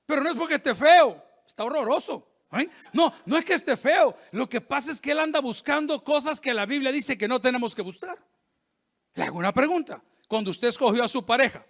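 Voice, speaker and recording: A middle-aged man, a pastor preaching a sermon, joking and animated, acting out the voices of people he quotes. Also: extremely high pitch, a little fast, gravelly.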